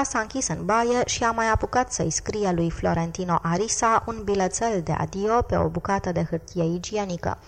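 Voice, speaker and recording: A woman narrating an audiobook with a steady, measured reading. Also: fairly low pitch. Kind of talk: scripted narration.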